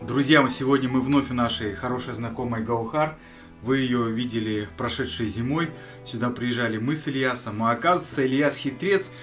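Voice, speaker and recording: A man's voice: medium pitch, a little fast, fairly bright tone, faint music behind. Male charity show host asking questions. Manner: friendly questioning, switching between two languages. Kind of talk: on-location interviewing.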